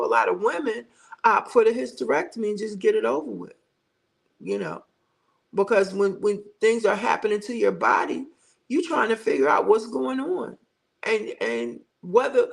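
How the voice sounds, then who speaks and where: A woman's voice: fairly high pitch, vocal fry, rough recording. A middle-aged woman hosting a casual livestream chat from home. She talks in a chatty way, repeats words for emphasis and reads out viewer comments. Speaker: livestream host.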